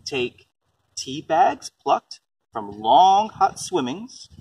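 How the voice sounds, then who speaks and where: A parent reads a picture book aloud and chats casually, explaining composting simply to a small child with easy explanations and questions. His voice is a little high and a little mellow, with big pitch swings and drawn-out words. The mic is distant, with faint background noise.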